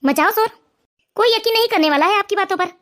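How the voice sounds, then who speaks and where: Woman playing a sneering young son-in-law, very high voice, rapid mocking talk, cartoon. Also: fairly bright tone. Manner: mocking, smug.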